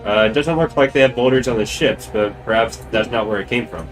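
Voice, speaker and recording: A man's voice: medium pitch, fairly quick, soft background music. A man playing a tabletop role-playing game, talking casually through plans with the group.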